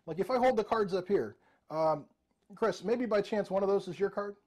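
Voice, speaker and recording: A man's voice: high-pitched, normal speed, darkish tone. A middle-aged man performing jokey, interactive mind-reading magic patter as a showman, addressing participants by name. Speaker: virtual magician and mentalist. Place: indoor room with bookshelves, video call.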